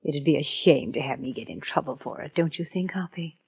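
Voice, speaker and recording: A woman's voice: deep voice, fairly quick, gravelly, slightly rough, exaggerated voice. An actress playing a scheming, seductive and imperious frontier woman in a 1950s radio western. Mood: seductive, bargaining. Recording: muffled old 1950s radio recording.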